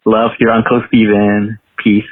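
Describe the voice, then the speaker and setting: A man leaving an unhurried, affectionate voicemail message, heard over a landline phone. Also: fairly low pitch, monotone, dry recording. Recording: tinny phone line voicemail.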